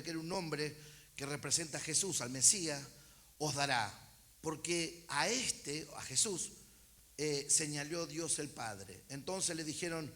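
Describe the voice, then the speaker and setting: Recorded at a church service, this pastor's somewhat high, slightly bright voice carries a Rioplatense Argentine accent. He preaches a sermon, reads scripture aloud, and calls out to his congregation, adding chatty asides.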